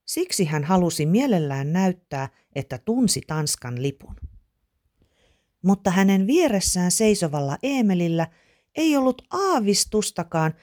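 A woman narrating a children's storybook aloud in an expressive, animated way. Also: fairly low pitch.

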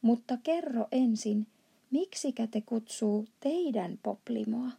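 Brief: woman reading a big kindly old giant, gravelly and husky, blustery storybook outbursts. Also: fairly high pitch, exaggerated voice. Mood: earnest. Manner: mangled grammar and made-up words, shouts in outbursts.

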